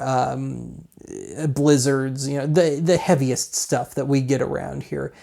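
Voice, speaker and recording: An American man hosts a gadget review show, walking through a device casually in a rambling, colloquial and self-deprecating way. His mid-range voice has vocal fry and a dark tone.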